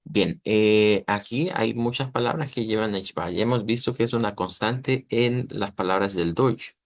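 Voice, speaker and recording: Guy teaching a language class online, gravelly low-ish voice, patient, keeps going "ve?". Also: normal speed. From Latin America. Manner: patient and explanatory, often checking in with the class. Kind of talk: online lesson explaining pronunciation.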